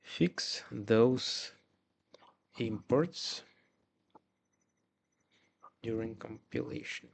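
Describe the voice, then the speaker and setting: Slow, gravelly man with a Russian accent. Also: on the low side, animated. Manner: muttering to himself with halting restarts. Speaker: coding streamer. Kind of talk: live coding commentary.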